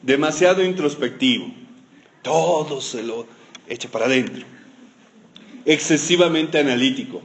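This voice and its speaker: A man's voice: fairly high pitch, a little slow, long pauses. A man preaching a sermon, telling a Bible story in a playful, teasing way with joking asides.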